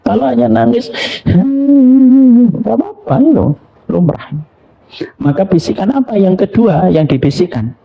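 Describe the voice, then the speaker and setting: A middle-aged man preaching a lively sermon, asking his audience questions and dropping to soft near-whispers for tender moments. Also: medium pitch, creaky. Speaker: Islamic preacher. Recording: dull lo-fi lecture recording.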